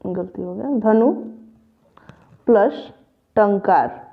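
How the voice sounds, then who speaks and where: A woman's voice: mid-range voice, very slow, vocal fry. A woman teaching a grammar lesson for exam preparation, patiently repeating each example step by step. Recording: tinny phone-like audio.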